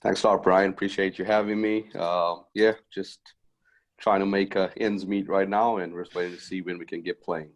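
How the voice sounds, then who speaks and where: Chatting casually as a podcast guest, a Zimbabwean basketball coach in middle age recounts his past loosely, his delivery flat and his pace normal. His voice is very low and deep, and he keeps restarting and leaning on "um" and "you know."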